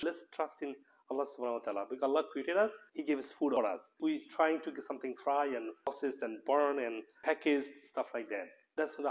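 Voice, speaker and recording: Speaking in a medium-pitched voice on a rough recording, a man with a Bangladeshi accent gives an informal talk on health. He is a professor and health practitioner, earnest in manner, with loose and repetitive English phrasing.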